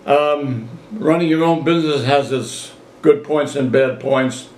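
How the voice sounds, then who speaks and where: An elderly man in his eighties shares memories in a casual interview. He talks like a folksy storyteller, repeating phrases and quoting conversations, with a medium-pitched voice in an echoey room. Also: fairly even intonation, unhurried, darkish tone, slight background noise. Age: 80s. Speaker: interviewee, grandfather reminiscing. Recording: roomy, echoey home recording.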